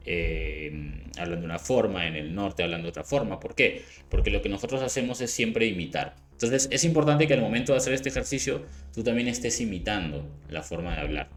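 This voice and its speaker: A man teaching a language lesson in a relaxed explanatory way, often checking in with the listener and slowing down to model phrases. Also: fairly low pitch. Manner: conversational, frequent rhetorical "¿no?" and "¿vale?" checks; slowed careful demonstrations of phrases. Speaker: English teacher. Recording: faint background music.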